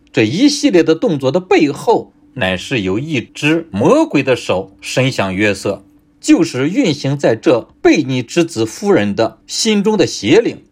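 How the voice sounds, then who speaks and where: A man's voice: medium pitch, darkish tone, slightly rough. A man preaching a sermon in an emphatic style, with rhetorical questions and a voice that keeps rising and falling.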